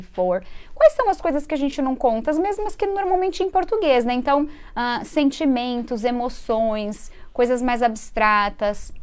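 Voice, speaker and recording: A woman from Brazil hosting a live English lesson, explaining grammar in Portuguese. She is patient and chatty, checks in with her viewers often, and slows right down to model English words and sentences. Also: a little high. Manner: chatty teaching tone with frequent "né?" and "ok?" checks. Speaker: English teacher and host.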